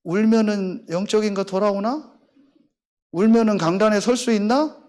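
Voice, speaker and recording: A man voicing a low, mocking demon. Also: moderate pace, a little mellow, close to an everyday voice. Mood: taunting. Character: taunting male demon whispering doubts.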